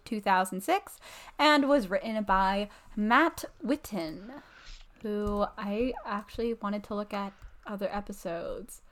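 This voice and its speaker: A woman co-hosting a podcast in casual chat, chiming in with quick, hesitant interjections. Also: medium pitch. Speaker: podcast co-host.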